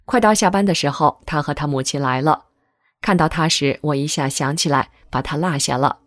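A woman reading a first-person article aloud in a steady, measured way. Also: low-pitched, no echo, clean studio sound. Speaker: article reader. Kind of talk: scripted reading of a testimonial article.

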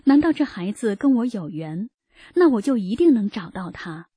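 Earnest woman narrator with a warm, mellow tone, reading a personal testimony. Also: medium pitch, big pitch swings, moderate pace, slightly rough, no echo. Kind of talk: read first-person narration.

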